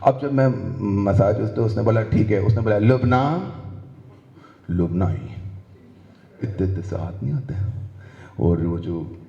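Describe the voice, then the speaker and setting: A man with a Pakistani Urdu accent doing a crude stand-up comedy set, acting out dialogue in quick voices. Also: fairly low pitch, vocal fry, warm tone, lo-fi sound. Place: live comedy venue. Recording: roomy hall reverb.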